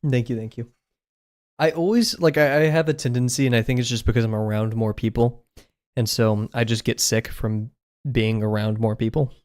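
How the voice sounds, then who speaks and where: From an apartment room with acoustic foam, a young man live-streams while drawing, chatting in a rambling way, laughing often and making fun of himself. His mid-range voice is a little mellow, with a steady tone and moderate pace.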